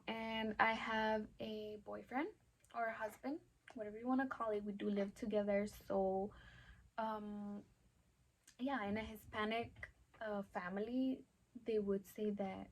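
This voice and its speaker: A woman's voice: medium pitch, fairly bright tone. A woman in her twenties with an El Paso Texan accent, talking casually to camera in a Q&A, with lots of "um"s and "like"s. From Texas, USA. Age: 20s. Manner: chatty, many "um"s and "like"s. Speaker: vlogger.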